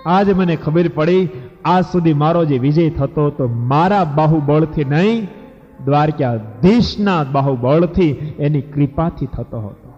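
A man voicing a grief-stricken warrior prince who sobs to his elder brother in a low, broken voice. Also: measured pace, a little mellow, close to an everyday voice. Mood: grieving. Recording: echoey hall, dull lo-fi, faint music.

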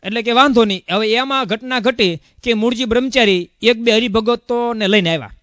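A man's voice: extremely high pitch, fairly quick, no room sound, clean studio sound. A man, a sadhu giving a sermon with a story and acting out the dialogue of its people. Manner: animated storyteller, acts out dialogue. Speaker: sadhu preacher.

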